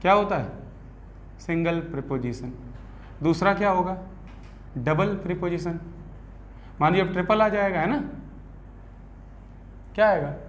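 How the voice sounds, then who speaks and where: High-voiced Indian man teaching grammar. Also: slight background noise. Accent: Hindi. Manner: keeps asking the class quick check questions. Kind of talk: classroom grammar lesson.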